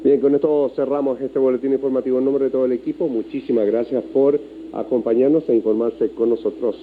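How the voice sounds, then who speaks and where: A man hosting a radio news bulletin, asking questions and signing off in a measured, formal way, heard over fading shortwave radio. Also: medium pitch, fairly even intonation. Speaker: news host. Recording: thin, phone-like shortwave broadcast with faint hiss.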